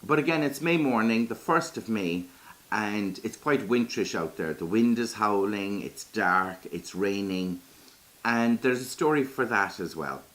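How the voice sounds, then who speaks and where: A man's voice: fairly low pitch, animated, measured pace, fairly bright tone. A man with a Kerry Irish accent telling folklore in a lilting, conversational storyteller's way. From Ireland, Iveragh in County Kerry.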